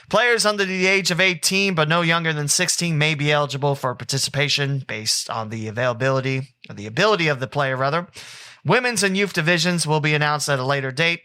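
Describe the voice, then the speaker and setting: Bright-voiced man hosting a sports podcast. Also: a little high, clean tone. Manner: casual, rambling, self-correcting asides. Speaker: podcast host. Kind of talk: solo sports podcast rundown.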